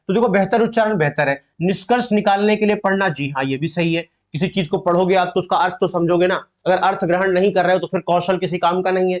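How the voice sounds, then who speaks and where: High-pitched male tutor teaching an online exam-prep class, questioning students and explaining patiently. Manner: quizzing students and explaining step by step; addresses students fondly as "beta". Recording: dull lo-fi audio.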